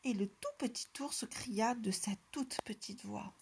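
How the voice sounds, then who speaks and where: A woman reading a children's story aloud in a soft, hushed, half-whispered voice. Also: on the high side, measured pace, creaky, noisy background.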